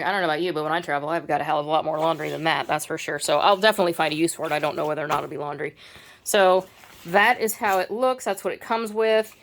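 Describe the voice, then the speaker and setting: Casual woman vlogger, lowish voice, chatty and rambling; recorded at home from a distance. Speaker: vlogger reviewing luggage. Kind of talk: casual unboxing review. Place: home room. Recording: distant mic, faint noise.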